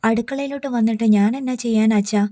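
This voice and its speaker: A woman's voice: on the high side, fairly even intonation, fairly quick, dark tone, no echo, clean studio sound, natural voice. A woman reading the lines of a sulky, defiant young daughter arguing with her father. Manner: sullen, defiant.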